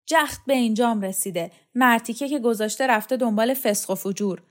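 A woman's voice: a little high, lightly acted. A woman reading a story aloud, voicing a bitter, foul-mouthed maidservant who scolds coarsely. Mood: scornful.

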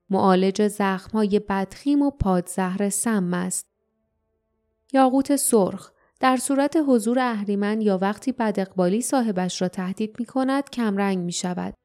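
Woman, audiobook narration, calm measured reading, mellow warm tone, mid pitch. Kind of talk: scripted narration.

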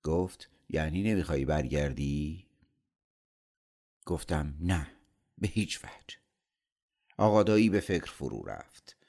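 A man's voice: extremely low pitch, expressive, creaky, mellow. A man reading a novel aloud as an audiobook narrator, voicing the dialogue in his own voice.

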